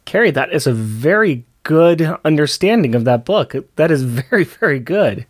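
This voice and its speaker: A man's voice: fairly high pitch, sing-song, normal speed. A man talks casually as a podcast co-host. He often repeats a phrase to stress it, in an easy conversational register.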